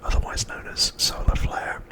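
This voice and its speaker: An episode recap is narrated by a man working as an ASMR host. He talks in a deliberate, hushed whisper that is breathy and has no voicing.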